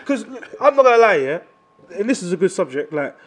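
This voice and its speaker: Emphatic London roadman, higher-pitched man. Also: big pitch swings, brisk. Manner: emphatic, repeats phrases for stress. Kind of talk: casual heated debate with street slang.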